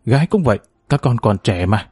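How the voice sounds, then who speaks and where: A man voicing an older retired father who speaks calmly and urges gently, in a narrated story. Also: mid-range voice, brisk, breathy edge, no echo, clean studio sound, pitched below the performer's own voice. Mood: fatherly.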